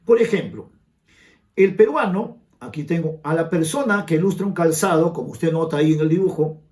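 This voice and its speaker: A man's voice: fairly high pitch, lively intonation, moderate pace, a little mellow. A Peruvian man with a Peruvian Spanish accent, teaching a grammar lesson for an admission exam and asking the viewers rhetorical questions. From Peru. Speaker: language teacher.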